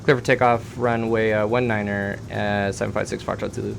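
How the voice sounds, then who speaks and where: Pilot on a cockpit headset, gravelly man. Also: lowish voice, little pitch movement, brisk, noisy background. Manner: clipped, methodical aviation phraseology with fillers. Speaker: flight instructor. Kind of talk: pilot callouts and radio calls.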